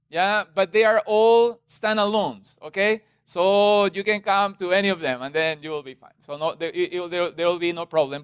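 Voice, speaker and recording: A middle-aged man from Ecuador leads a church seminar for a small group in a meeting room. His voice sits high and sounds smooth and clear. The sound is dry and close, with little room echo. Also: a bit bright. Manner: conversational, checks in with the audience often. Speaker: seminar presenter.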